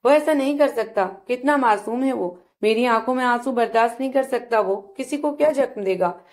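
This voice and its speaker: A woman reading a story voices a sharp-tempered young wife who scolds in harsh commands. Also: a little high, normal speed, natural voice. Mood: remorseful.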